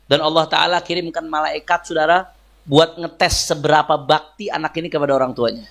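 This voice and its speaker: A man's voice: fairly high pitch, fairly even intonation, fairly quick, creaky, fairly bright tone. A male preacher, telling a religious story in an emphatic, folksy sermon, often addressing the congregation.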